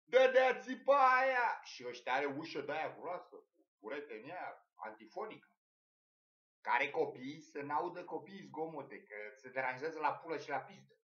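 A man's voice: a little high, fairly bright tone. A man doing a crude stand-up comedy monologue, telling vulgar stories in a rambling way. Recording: echoey room, dull lo-fi sound.

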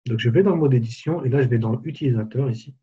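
A man giving a live software tutorial webinar, casually explaining each step as he clicks through it. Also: medium pitch, fast, husky, muffled recording. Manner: casual, explanatory, walks through steps on screen. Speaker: software trainer.

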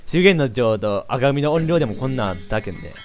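Laughing male game streamer, lively pitch. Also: brisk. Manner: chatty, laughs often, regional dialect. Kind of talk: let's play commentary. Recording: game music behind.

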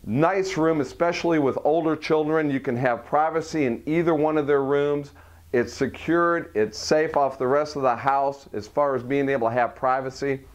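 Indoors in a furnished model home, a middle-aged man leads a walkthrough tour, listing its features like a salesman. His voice is a little high, steady in tone, at a moderate pace.

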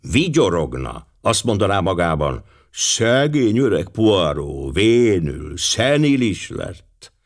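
A man's voice: deep voice, big pitch swings, heavily acted. A man reading a shrewd, fussy older detective. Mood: wry. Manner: precise, gently ironic. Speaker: audiobook reader.

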